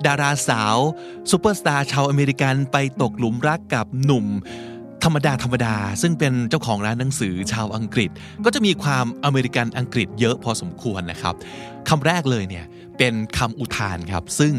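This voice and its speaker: Thai guy teaching vocab, chatty, voice bounces up and down a lot, soft music under it. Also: medium pitch. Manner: chatty, explains words slowly, acts out example lines. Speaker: podcast host teaching English vocabulary. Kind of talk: casual teaching monologue.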